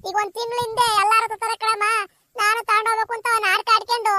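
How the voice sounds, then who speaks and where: A woman's voice: very high voice, flat delivery, fast, sharp tone, slight background noise. A woman doing a wailing cartoon village mother. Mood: distraught. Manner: melodramatic wailing and cursing.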